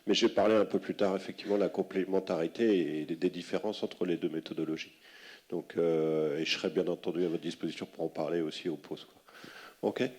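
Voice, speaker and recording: A man's voice: low-pitched, fairly even intonation, a little fast, a little mellow. A man who is a conference speaker, giving a spontaneous, explanatory answer.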